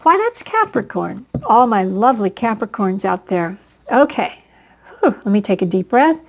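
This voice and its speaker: A woman giving a solo oracle card reading, earnest and encouraging, pausing often on fillers and slowing into invocations to the angels. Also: mid-range voice, big pitch swings, creaky, poor audio. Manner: slow invocations addressed to angels.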